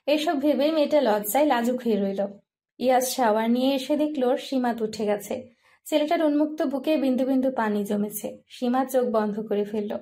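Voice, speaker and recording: Woman, narrator, scripted romance story, mellow, slightly high voice. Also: moderate pace.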